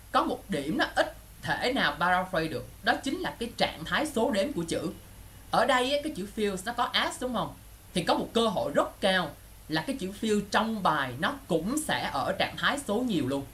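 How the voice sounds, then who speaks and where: A man teaches a lively online English exam class in a high, fairly bright voice, with slight background noise. He keeps firing quick questions to make sure his students are following.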